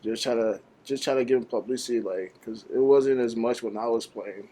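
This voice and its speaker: A man's voice: mid-range voice, fairly quick, mellow. Laid-back young man, filler-heavy talk. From Nigeria. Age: young adult. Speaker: guest, college basketball player and content creator. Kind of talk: casual interview chat.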